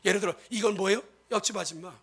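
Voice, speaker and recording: A male pastor giving a lively sermon, acting out quoted speech and often addressing the congregation directly. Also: high-pitched, rapid-fire, slightly rough. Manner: animated, acts out quoted speech.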